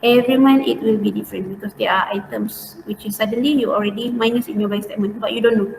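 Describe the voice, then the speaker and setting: A Malaysian-accented accounting teacher gives an informal online lesson indoors, walking through worked steps in colloquial Malaysian English peppered with "lah" and "eh." Her mid-range voice is gravelly and darkish, fast, with fairly even intonation. The recording is roomy with a distant mic and faint noise.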